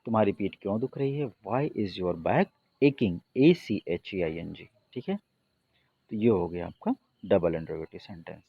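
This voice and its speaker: A man teaching an English grammar lesson in Hindi, reading the English example sentences slowly and deliberately. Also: deep voice, expressive, gravelly, husky, no echo, dull audio.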